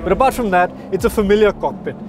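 A man's voice: high-pitched, quick pace. Upbeat man presenting at a car show. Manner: upbeat, explanatory, addresses viewers directly. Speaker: motoring journalist presenter. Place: large indoor auto show hall. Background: loud music.

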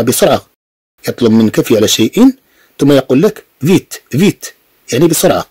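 Man, Moroccan Arabic accent, French teacher, patient slow repetition, husky mellow voice. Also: medium pitch, no echo. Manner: patient, repeats words slowly and explains them step by step. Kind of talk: language lesson with pronunciation drills.

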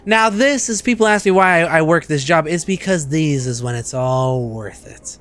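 A young man with a slightly high voice jokes his way through a game stream. He swears freely and breaks into loud outbursts, speaking into a studio mic with faint noise behind him. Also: normal speed. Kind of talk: casual gameplay commentary. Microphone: studio mic on arm.

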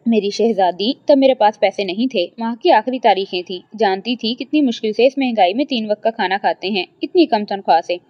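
A woman's voice: mid-range voice, few pauses, dry recording, natural voice. A woman doing a doting, weary mother. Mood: tender. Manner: tender, soothing. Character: loving middle-aged mother, weary, doting on daughter. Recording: dry, slightly dull lo-fi.

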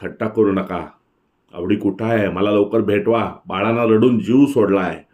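A man's voice: lowish voice, unhurried, a little mellow, close to an everyday voice. A man voicing a desperate young husband, loving and anguished, with a raised voice.

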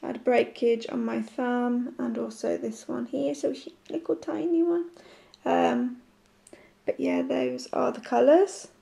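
A woman with a croaky voice from a sore throat, chatting casually and haltingly to camera as a nail art vlogger. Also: on the high side, steady tone, warm tone.

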